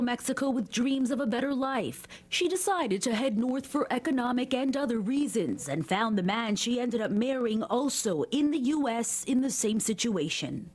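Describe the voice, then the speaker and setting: Woman reporter with a high, measured delivery. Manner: measured, even news delivery. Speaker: TV news reporter. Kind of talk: scripted news narration.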